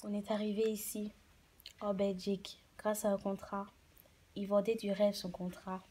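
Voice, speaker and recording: A woman playing a grieving Italian miner's widow in a news interview, speaking halting, emotional French with a foreign Italian accent. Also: mid-range voice, flat delivery, dark tone, a little hiss or hum, close to an everyday voice. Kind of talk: testimony in a staged news interview.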